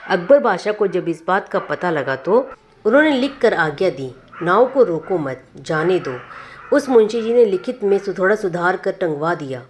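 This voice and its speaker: A woman narrating a short folk tale to her listeners in a calm, even storytelling manner. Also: medium pitch, moderate pace, a little hiss or hum.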